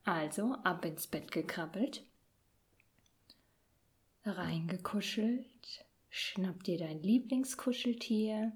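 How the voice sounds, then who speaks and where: A woman hosting a podcast and gently guiding a children's sleep meditation in a soft, whispery voice. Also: medium pitch. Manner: soft slow whispered guidance. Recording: meditation music and singing bowls behind.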